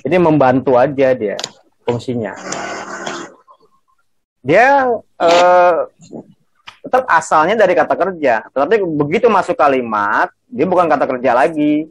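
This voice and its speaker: A man's voice: on the high side, very animated, unhurried, pauses often, dry recording. A man teaching a class on Quranic grammar over a video call, explaining patiently and checking in with his students.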